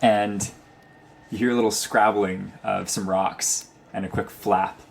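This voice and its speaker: A man narrating a tabletop game as game master, relaxed and quick to laugh. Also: fairly low pitch, gravelly.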